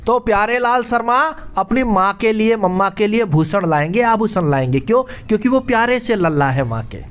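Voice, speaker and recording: Male quiz teacher, high voice, casual exam-prep patter full of puns and repetition. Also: animated, normal speed, fairly bright tone, smooth. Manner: playful punning, chatty repetition.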